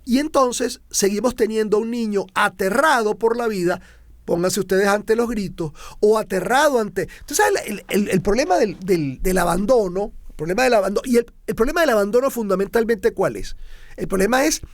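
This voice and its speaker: A man's voice: high voice, lively intonation, moderate pace, no room sound, studio quality. A middle-aged Venezuelan man with a Venezuelan accent hosts a motivational talk, emphatic, repeating and stretching key words for effect. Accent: Venezuelan Spanish. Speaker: motivational speaker and host.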